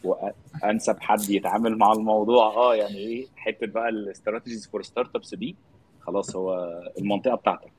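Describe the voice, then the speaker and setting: A man with an Egyptian accent hosting a live online interview in a casual, effusively polite, informal way, with a husky voice. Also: on the low side, steady tone, a little fast, rough recording. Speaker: podcast host welcoming a guest.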